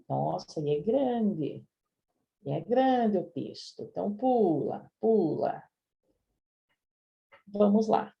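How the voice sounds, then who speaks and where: Chatty gravelly woman teaching grammar. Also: mid-range voice, mellow, highs cut off. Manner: chatty, addresses students directly with frequent "né?". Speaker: Portuguese language teacher. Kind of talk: live online grammar review class.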